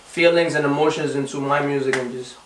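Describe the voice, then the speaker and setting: A man's voice: on the high side, fairly even intonation, a little fast, a bit bright, reverberant, far from the mic, a little hiss or hum, poor audio. A young man from the Dominican Republic, a singer answering interview questions casually, often restarting and repeating words. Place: recording studio.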